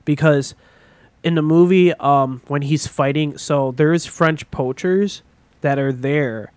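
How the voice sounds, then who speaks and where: A man's voice: a little high, slow pace, darkish tone, smooth, no room sound. A man chatting casually as a podcast co-host, rambling with lots of fillers and swearing. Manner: rambling, with many fillers and profanity. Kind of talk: casual chat.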